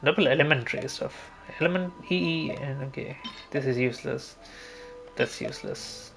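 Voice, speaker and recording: This streamer mutters casual remarks about his gameplay, swearing mildly, with music going behind his voice. He talks at normal speed in a medium-pitched voice that is creaky and fairly bright.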